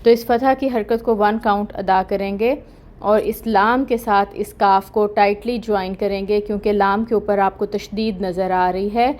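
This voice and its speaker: A woman teaching an online Quran recitation lesson, explaining each rule slowly and deliberately and stretching out the recited words. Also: mid-range voice, fairly even intonation, darkish tone.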